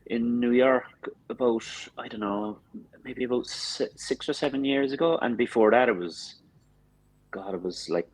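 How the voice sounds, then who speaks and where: A Cork man in his fifties, a drummer, chats casually as an interview guest in a mid-range voice at normal speed. He's hesitant, often repeating words and restarting mid-sentence. The recording is dry but poor in quality.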